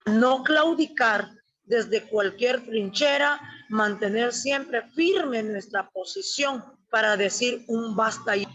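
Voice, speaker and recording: A woman's voice: a little high, fairly bright tone. Emphatic woman giving a speech. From Honduras, la Mosquitia. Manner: emphatic, declamatory, with long lists. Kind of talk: formal webinar address. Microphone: webinar audio feed. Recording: dull lo-fi webinar audio.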